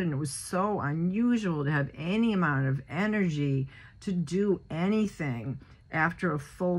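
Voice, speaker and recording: A woman in her sixties talking casually in a personal vlog, rambling with many fillers and restarts. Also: fairly low pitch. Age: 60s. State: a little choked up. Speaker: vlogger.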